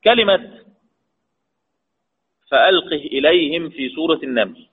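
A man with an Egyptian accent teaching Quran recitation rules, asking the class questions and answering them himself, drawing out key terms slowly. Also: a little high, lively intonation, breathy edge. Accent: Egyptian Arabic. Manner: slow, drawn-out stress on key terms. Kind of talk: lecture mixing colloquial and formal Arabic. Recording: tinny phone-like lo-fi audio.

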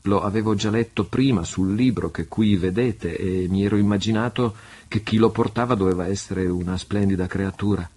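A man voicing a proud, fierce pirate prince who speaks with a low, muffled intensity. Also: moderate pace, a little mellow, natural voice. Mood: intense.

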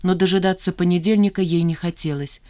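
A woman narrating a novel as an audiobook reader, measured and expressive. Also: lowish voice, no echo, clean studio sound.

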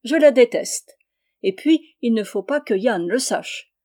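A woman reading a storybook aloud, voicing a playful, quick-talking teenage island girl with a raised, brighter voice. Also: fairly high pitch, expressive. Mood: teasing.

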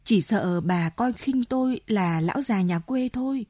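A woman's voice: mid-range voice, expressive, a little mellow, dry recording. A woman doing a timid old country man. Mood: shaken. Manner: halting, shaky questions. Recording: dull lo-fi recording.

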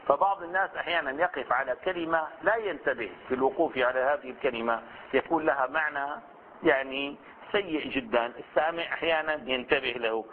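A male scholar teaching a recorded lesson on grammar and inheritance law. He asks himself questions, answers them, drifts into colloquial asides and draws out example words slowly. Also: medium pitch. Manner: explains patiently, asks and answers his own questions; slips into colloquial Levantine Arabic asides. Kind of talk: recorded study-circle lesson. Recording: tinny phone-like band with faint hiss.

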